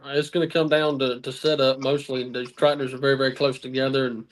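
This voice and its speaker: A man's voice: mid-range voice, little pitch movement, fast, rough recording. A man, a competitor casually answering an interviewer in a matter-of-fact way. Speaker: tractor pull competitor. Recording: faint noise and clicks.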